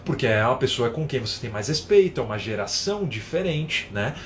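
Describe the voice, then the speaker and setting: A man teaching in a live online lesson, explaining with everyday examples and often adding a quick tag question. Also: mid-range voice, sing-song, slight background noise. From São Paulo, Brazil. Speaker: English teacher.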